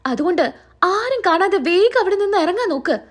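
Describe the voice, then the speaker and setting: A woman's voice: very high-pitched, animated, moderate pace. A woman voicing a panicked, scheming middle-aged wife urging her husband to flee. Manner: urgent, scolding on the phone.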